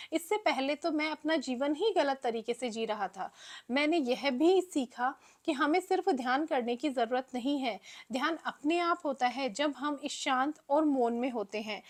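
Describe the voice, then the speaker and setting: Lady reading a young prince owning up to his faults, earnest and calm, high voice. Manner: earnest, confessional storytelling tone. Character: young male prince, humbled and reflective.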